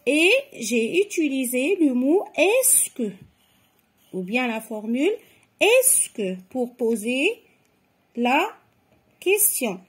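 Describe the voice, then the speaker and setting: A woman's voice: high-pitched, big pitch swings, takes it slowly, pauses often. A woman teaching a grammar lesson to children, explaining patiently and step by step. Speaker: French teacher.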